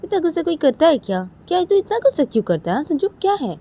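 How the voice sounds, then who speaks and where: A woman's voice: lowish voice, steady tone, normal speed, mellow, natural voice. A woman voicing a young man who chides his cousin for losing his temper, with repeated questions. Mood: chiding.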